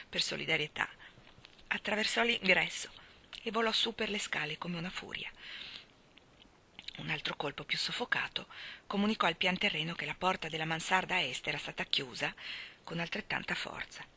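A woman reading a classic children's novel aloud, in a lively, dramatic style of narration. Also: fairly low pitch, slightly rough. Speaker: audiobook reader. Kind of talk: expressive storybook reading.

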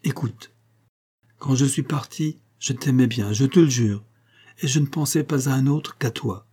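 Male reader doing a husky, defiant young peasant woman, raised and pleading. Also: medium pitch, fairly even intonation, normal speed, mellow, natural voice.

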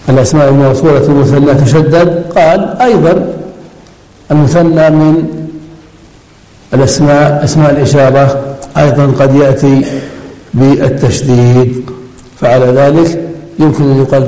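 A man's voice: medium pitch, mellow. A male scholar teaching classical grammar, explaining verse by verse and asking the class questions. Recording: echoey hall with long reverb.

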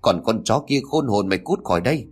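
A man's voice: animated, fast, breathy edge. A jealous young wife who scolds and wails, her voice swinging up and down, as a man reads her part. She flares up easily and sounds hurt in a storybook telling. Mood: furious. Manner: shrill, scolding and tearful. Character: jealous, shrill young wife, quick to fury.

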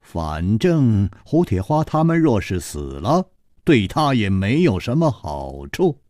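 Guy doing a calm sharp hero, low quiet voice, slow and even. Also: dry recording, studio quality. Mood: cool. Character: calm clever male hero, cool and composed.

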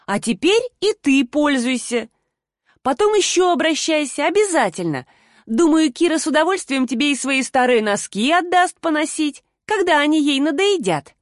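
A woman voicing a feisty, sharp-tongued young woman who fiercely defends her friend, in an audiobook. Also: high-pitched, expressive, normal speed, dry recording, studio quality, voice pushed up. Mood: taunting. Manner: bold, brash. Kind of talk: audiobook character voice.

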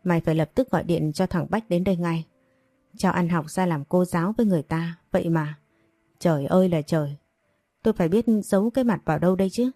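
A woman's voice: on the low side, fast talker, mellow, no room sound. A woman reading the lines of an angry middle-aged father in a storybook narration, harsh and reproachful. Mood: angry scolding.

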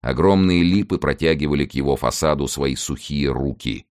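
A man giving expressive, dramatic audiobook narration in a measured way. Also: a bass voice, no echo, clean studio sound.

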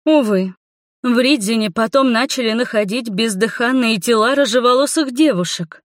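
A warm-hearted, gossiping townswoman who gushes and exclaims over every scrap of news, as a woman reads her. Her voice sits a touch higher and livelier than the narration. The recording is dry and close. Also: normal speed, no room sound, close to an everyday voice. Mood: gossipy. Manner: gushing, exclaiming, dramatic. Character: chatty kindly older townswoman gossiping.

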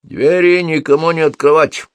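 A jittery fire demon living in a hearth, hissing out warnings in a high, urgent voice, as a man reads him out. The voice jumps far above the reader's own, quick to alarm. Close, dry storybook sound. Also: expressive, dry recording.

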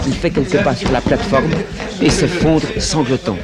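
A man's voice: on the high side, moderate pace, over loud music. A man narrating the stage directions of a 1950s French radio play.

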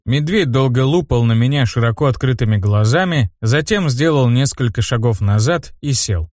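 A man narrating a first-person fantasy audiobook in a lively, expressive manner. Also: medium pitch, normal speed, dry recording, studio quality.

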